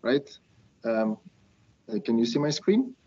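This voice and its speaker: A man's voice: medium pitch, big pitch swings, slow pace, dark tone, slightly rough. A man in his thirties giving an academic webinar lecture over a video call, heard through a screen recording, talking with many hesitant fillers and restarts. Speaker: invited research speaker. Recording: dull lo-fi video-call audio.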